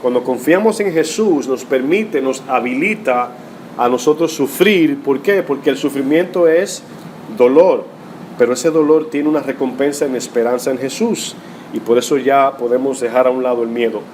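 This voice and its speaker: A man's voice: medium pitch, normal speed, darkish tone, slight background noise. A male pastor preaching a sermon in a teaching tone, often asking rhetorical questions and reading scripture aloud. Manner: rhetorical, teaching tone with frequent "¿verdad?" tags.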